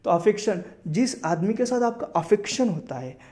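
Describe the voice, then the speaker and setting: A young Indian man teaching vocabulary, reading English sentences slowly and then explaining them in quick conversational talk, often checking in with "right?". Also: high-pitched, animated, a little mellow. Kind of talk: explaining lesson in Hindi and English.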